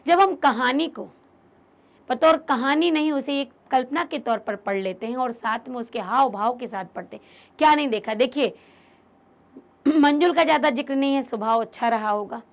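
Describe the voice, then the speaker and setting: A woman's voice: high voice, moderate pace, creaky. A woman teaching a literature lesson, restating each point in simpler words and putting questions to her students. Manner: explains by rephrasing terms in simpler words. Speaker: Hindi teacher. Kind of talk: online class lecture.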